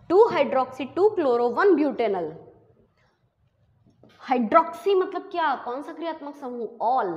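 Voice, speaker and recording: A woman teaching chemistry step by step, asking questions and then answering them herself, often adding a quick 'है ना'. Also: high-pitched, darkish tone. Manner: explains step by step, asks and answers her own questions. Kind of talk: classroom lesson. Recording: dull, lo-fi recording with long reverb.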